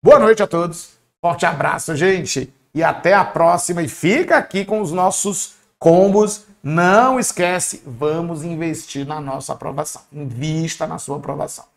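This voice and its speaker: In a fairly high, gravelly voice at a moderate pace, a man teaches an online class preparing students for exams. His style is colloquial and lively, full of encouragement and regular check-ins with the group.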